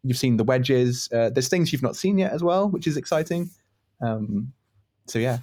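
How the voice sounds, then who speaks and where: Man, medium pitch, laughs a lot, casual podcast chat. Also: lively intonation, normal speed, darkish tone. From United Kingdom. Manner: jokey, laughs often. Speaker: robot team member.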